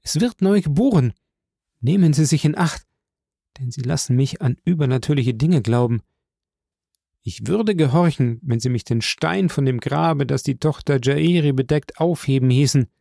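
A man's voice: mid-range voice, moderate pace, gravelly, warm tone, dry recording. A man voicing a grieving young male soldier, speaking with rising passion and pleading outbursts. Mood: impassioned.

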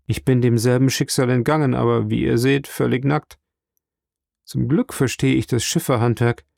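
A man's voice: medium pitch, steady tone, moderate pace, gravelly, a little mellow, dry recording, clean studio sound, close to an everyday voice. Dantès, a man doing an earnest young seaman. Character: determined young male seaman, resourceful and earnest. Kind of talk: audiobook reading.

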